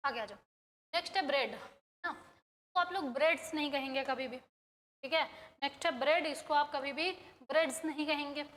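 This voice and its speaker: A woman with a Hindi accent teaching an English grammar lesson, drilling word lists and quizzing her students in a brisk, coaxing way. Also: sits high, a bit bright, long reverb tail. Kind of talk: classroom-style grammar lesson. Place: coaching institute in India.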